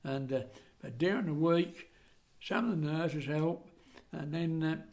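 An elderly man with a broad Suffolk accent, chatting casually in a halting, rambling way with rustic dialect turns of phrase. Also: a little high, darkish tone. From Suffolk, England. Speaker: care home resident being interviewed. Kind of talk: casual reminiscing chat.

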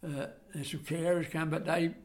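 An elderly man with a broad Suffolk accent, chatting casually in a halting, rambling way with rustic dialect turns of phrase. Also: on the high side, level tone. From Suffolk, England. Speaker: care home resident being interviewed. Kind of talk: casual reminiscing chat.

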